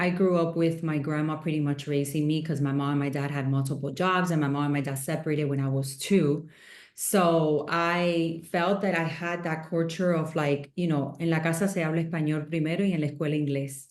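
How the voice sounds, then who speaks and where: A woman from Miami, USA, co-hosts a podcast, chatting casually and telling stories with lots of fillers. Her voice is low-pitched with fairly even intonation and a normal pace, and the room sounds echoey.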